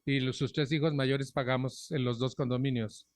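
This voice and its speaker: A man's voice: mid-range voice, fairly even intonation, a little slow. Blunt middle-aged Mexican man testifying. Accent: Mexican Spanish. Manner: frank and earthy, with blunt profanity and direct questions to the audience. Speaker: speaker at a recovery group anniversary. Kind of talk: personal testimony talk to an audience. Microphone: microphone on a stand.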